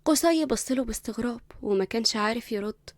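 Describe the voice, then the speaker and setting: A woman's voice: a little high, quick pace, no room sound, clean studio sound. A woman with an Egyptian Arabic accent narrating a story and addressing her listeners directly and affectionately.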